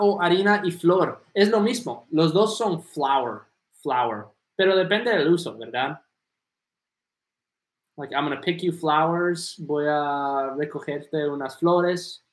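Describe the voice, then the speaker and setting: A man hosts a live English lesson, his voice sitting a little high and his delivery slow and unhurried. He greets viewers one by one and flips between Spanish and English as he answers questions. The room around him echoes noticeably. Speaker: English teacher on a livestream. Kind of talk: live Q&A, reading viewer comments.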